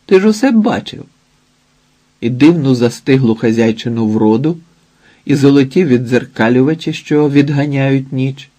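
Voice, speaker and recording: A man's voice: medium pitch, moderate pace, mellow, close to an everyday voice. A man voicing a stubborn young red-haired woman, a witch who keeps insisting, in an audiobook. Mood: insistent. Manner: urgent, pushy.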